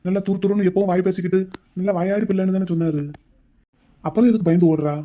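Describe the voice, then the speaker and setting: A man's voice: high voice, steady tone, fast, mellow, natural voice. A man voicing a young male lead in a cartoon love story, brooding and talking to himself about the girl who ran off. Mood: fretful. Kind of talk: cartoon voice acting.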